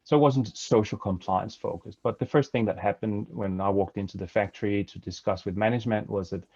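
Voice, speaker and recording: A middle-aged man from Denmark, Danish accent audible, delivers a webinar presentation as guest speaker from his home office via headset. The pitch is fairly low, the tone darkish, and the pace brisk, though his speech is hesitant and riddled with fillers and restarts. Expect dry, dull video-call sound.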